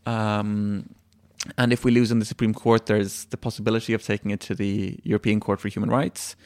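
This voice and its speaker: A man answers questions as an activist guest in an interview. His voice is lowish with a lot of vocal fry, and he explains things in a measured, hesitant way. The recording is dry. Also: little pitch movement, darkish tone, no echo.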